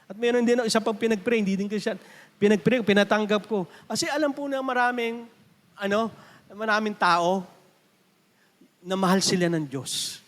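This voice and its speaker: High-voiced Filipino pastor preaching in a reverberant church. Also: male voice, moderate pace, long pauses, a bit bright. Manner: preaching in Tagalog mixed with English, calling for amens. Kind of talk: sermon.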